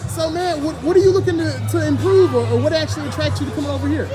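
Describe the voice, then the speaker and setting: A woman with a slightly high voice runs quick, casual interviews at a youth football event, keeping things upbeat and slangy as she hypes up each player. She records outdoors, and a crowd chatters behind her while music plays clearly in the background. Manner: upbeat, slangy, hyping up the kids. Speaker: sideline interviewer.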